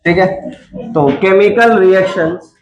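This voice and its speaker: High-voiced man teaching in echoey classroom. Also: a little slow, lo-fi sound. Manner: chatty, coaxing, quizzes students. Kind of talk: classroom lecture.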